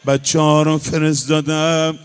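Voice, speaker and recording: Male eulogist, high-ish clear voice, chanting lament style. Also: little pitch movement. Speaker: religious eulogist. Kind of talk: mourning recitation, half sung.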